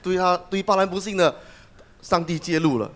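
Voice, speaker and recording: A man's voice: high voice, a little fast, fairly bright tone. A man interpreting a sermon phrase by phrase, with some hesitations as he goes.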